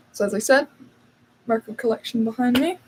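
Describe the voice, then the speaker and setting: A woman's voice: on the high side, rough recording. Young British woman, livestream host, chatty with fillers, faint background noise. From United Kingdom. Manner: chatty, reads out and answers viewer questions with fillers. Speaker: channel host. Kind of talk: casual livestream chat.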